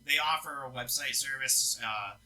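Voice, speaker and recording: A man's voice: medium pitch, moderate pace, a crowd in the background, low-quality recording. A young man, co-owner of a gaming lounge, talking casually about business plans, with loose chatty phrasing full of fillers and restarts. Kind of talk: casual business update chat.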